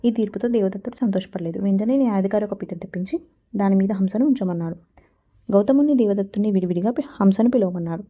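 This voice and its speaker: Speaking fast in a medium-pitched, mellow voice, a teacher from Telangana explains a textbook lesson in a lo-fi recording. She raises questions and answers them herself as she goes.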